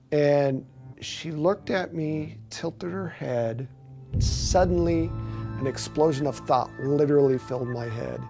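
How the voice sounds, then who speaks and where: A man's voice: mid-range voice, mellow. A man earnestly recounting a personal experience as an interviewee, with emphatic storytelling.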